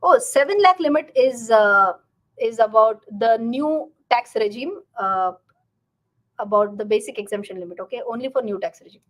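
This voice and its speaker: Higher-pitched Indian woman hosting a live stream. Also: normal speed. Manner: chatty, slips Hindi phrases into English. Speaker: live stream host and finance teacher. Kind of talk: casual live stream Q&A, reading and answering viewer comments.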